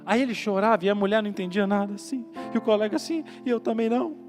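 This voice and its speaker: Male pastor with a Minas Gerais accent, high voice, dramatic storytelling sermon in a long-reverb church hall with soft music. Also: very fast. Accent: Brazilian Portuguese, Minas Gerais. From Minas Gerais, Brazil. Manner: dramatic storyteller acting out voices, swinging from loud to hushed.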